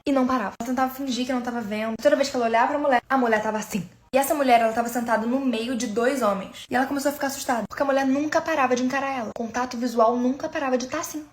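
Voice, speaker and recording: Woman rattling off creepy stories super fast, kinda hushed, bit high voice. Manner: hushed, suspenseful, rapid. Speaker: storyteller. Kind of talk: casual scary-story telling.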